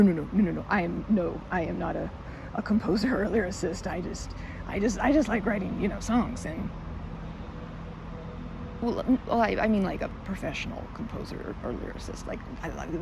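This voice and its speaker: In a one-sided ASMR roleplay, a woman with a voice on the low side, speaking a little fast, plays a timid, flustered young woman. She stammers hesitantly and rambles in a bashful, modest, self-effacing way, over clearly noisy outdoor ambience.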